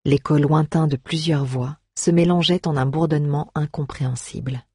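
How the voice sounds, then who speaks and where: A narrator reads a fantasy tale in an even, measured manner at a mid pitch. The voice is husky and breathy, captured close on a dry, dead mic. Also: no room sound. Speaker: audiobook narrator. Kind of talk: scripted narration.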